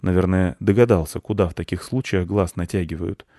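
A man calmly narrating a scripted children's story. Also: low-pitched, fairly quick, dry recording, studio quality. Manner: calm, even storytelling.

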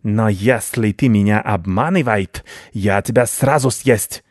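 A man's voice: lowish voice, measured pace, no echo, clean studio sound. A man voicing a pompous, vicious male rat baron who talks in broken grammar, for a storybook reading. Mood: haughty. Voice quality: broken grammar, haughty and blustering.

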